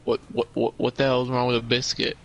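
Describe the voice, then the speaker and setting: A man's voice: mid-range voice, completely flat delivery, fast, muffled recording, slight background noise. A man chatting casually while gaming, profane and teasing his friend. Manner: profane, teasing, laughs a lot. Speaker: friend playing along.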